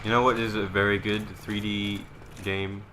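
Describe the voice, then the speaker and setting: A young man with a deep voice and a bright, forceful tone, chatting casually over gameplay. He rambles and swears as things go wrong. Faint background noise sits under the voice. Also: little pitch movement, normal speed. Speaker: let's play commentator. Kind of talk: casual gaming banter.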